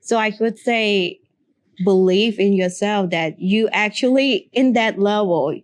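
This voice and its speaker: A woman's voice: mid-range voice, takes it slowly, no echo. Earnest woman giving advice. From Cambodia. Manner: earnest, encouraging, with restarts and broken English phrasing. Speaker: interview guest, makeup artist. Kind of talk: interview answer, advice.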